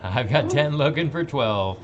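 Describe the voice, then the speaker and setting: A man's voice: medium pitch, animated, measured pace, highs cut off, a little hiss or hum. Male auctioneer with a rhythmic number chant. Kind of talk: live auction chant with casual chat. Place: auction gallery room, livestream.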